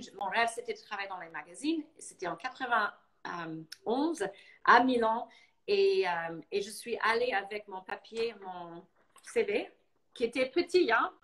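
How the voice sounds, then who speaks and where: A woman from Boston with an American English accent, talking casually as a guest and telling stories in lively fashion, slipping into English now and then. English is her first language. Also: mid-range voice, rough recording. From Boston, United States. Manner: animated storyteller, mixing in English words. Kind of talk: casual live talk.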